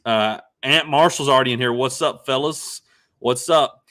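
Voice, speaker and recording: A man's voice: mid-range voice, a bit bright. A man hosting a live sports show, talking casually with frequent "uh"s and restarts. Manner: halting, many fillers and restarts. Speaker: podcast host. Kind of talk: casual live-stream chat.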